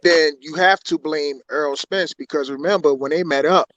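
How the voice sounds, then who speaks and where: A man's voice: fairly high pitch, normal speed, a bit bright, no room sound. A man making his point in a heated, casual boxing debate over dull, lo-fi call audio. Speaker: debater on a boxing talk show.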